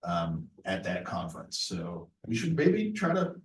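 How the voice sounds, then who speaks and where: Staff man presenting agenda items, lowish voice, dry humor, restarts often. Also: very animated, measured pace, a little hiss or hum. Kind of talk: presenting at a planning meeting. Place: meeting room.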